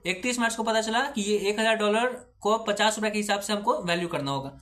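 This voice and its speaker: A man's voice: sits high, fast, fairly bright tone. A man giving a recorded accounting lecture who patiently asks questions and answers them himself, mixing English terms into his speech.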